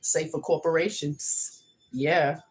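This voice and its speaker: Low-voiced woman hosting a kitchen livestream. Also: steady tone, takes it slowly, poor audio. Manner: emphatic, repeats her points. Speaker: livestream host. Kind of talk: casual livestream monologue. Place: home kitchen.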